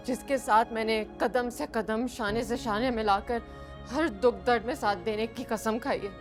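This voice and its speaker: A defiant young wife with a Pakistani accent, grieving and accusing, played by an actress. Her voice sits a little high. A drama score swells clearly beneath her. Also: close to an everyday voice. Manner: intense, bitter and accusing. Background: drama score underneath.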